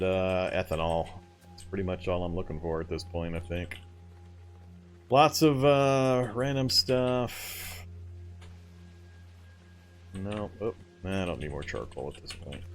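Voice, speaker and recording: Low-voiced guy streaming a game, voice bounces around a lot, explains stuff while looting, laughs with chat. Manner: laughs easily, chats back to viewers. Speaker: let's play streamer. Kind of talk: casual live-stream game commentary.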